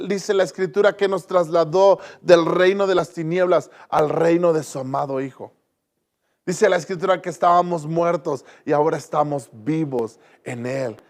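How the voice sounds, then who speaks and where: A man's voice: on the high side, a little mellow. A man preaching a sermon as pastor in a church, earnest and repetitive, often restarting his phrases.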